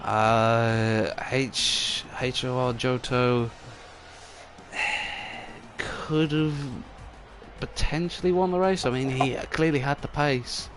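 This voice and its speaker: Slow-talking male race commentator. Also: medium pitch, music in the background. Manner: excitable, exclamatory commentary. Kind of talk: sim racing commentary.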